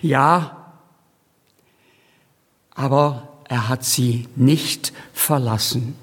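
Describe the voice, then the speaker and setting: Slow, emphatic male preacher in a reverberant church. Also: medium pitch, a bit bright, slightly rough. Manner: slow, emphatic preaching, homely asides to the congregation. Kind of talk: sermon.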